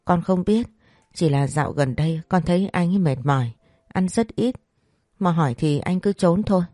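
A woman voicing a frightened young pregnant wife, asking anxious, pleading questions in a low, dark voice. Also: moderate pace, dry recording, studio quality, lightly acted.

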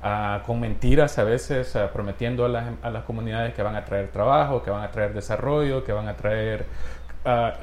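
A man working as an advocacy facilitator, explaining slowly with many hesitant fillers. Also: lowish voice, fairly even intonation, reverberant, slight background noise. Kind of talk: interview comment.

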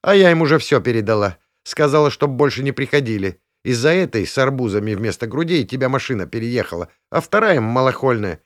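A brash, nosy young woman, as a male narrator puts her on in an audiobook, loud and teasing, her voice pitched well above a man's usual register. The delivery swings widely in pitch. The sound is dry and close, with no room around it. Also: lively intonation, fairly quick, hardly any pauses, dry recording, natural voice. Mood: scornful. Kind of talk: audiobook character voice.

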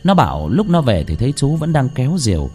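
A man narrating a rural ghost story in an expressive storytelling voice. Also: fast talker, breathy edge, faint music behind. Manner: expressive storytelling with a wide pitch range.

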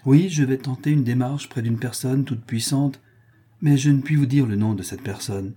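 A man's voice: mid-range voice, normal speed, mellow, husky, natural voice. A man reading a grave secretive young nobleman. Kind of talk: audiobook character voice.

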